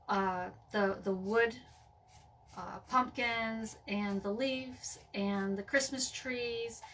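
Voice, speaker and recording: A woman's voice: mid-range voice, pushed and bright, distant mic, slight background noise. A woman chatting through a casual craft tutorial at home, with lots of fillers and frequent "okay?" check-ins, saying she is losing her voice. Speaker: craft vlogger.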